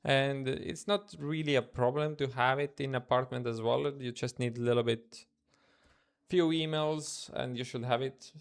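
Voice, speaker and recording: A man live-streams his day trading from his room, speaking casual, loose English with an Estonian accent as a native Estonian speaker. His mid-range voice is smooth, with fairly even intonation and a moderate pace, as he thinks aloud and fields chat.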